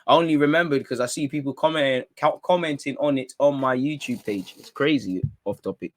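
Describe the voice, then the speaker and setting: A young man, hosting a football talk stream in a rambling, slangy, excitable way. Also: mid-range voice, fairly quick, no room sound. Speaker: football channel host. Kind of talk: casual livestream chat.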